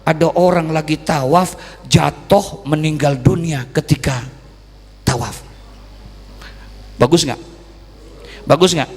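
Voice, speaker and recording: A high-voiced man preaches a sermon. He is a lively storyteller who rises into loud sung calls and then drops to quiet asides. The hall around him rings with a long reverb. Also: takes it slowly, long pauses, breathy edge. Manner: folksy Jakarta colloquial speech. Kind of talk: Islamic sermon.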